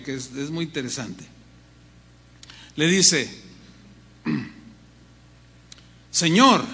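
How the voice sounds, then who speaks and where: Animated preacher with a high bright voice. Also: male voice. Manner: animated, acts out voices of God and believers. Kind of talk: sermon. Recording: long hall reverb.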